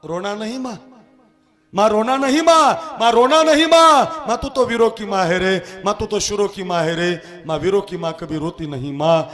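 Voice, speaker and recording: A man's voice: high voice, moderate pace, a bit bright, faint music behind, voice pushed up. A man voicing a steadfast young male revolutionary about to be executed, pleading and repeating his words to his mother. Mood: impassioned.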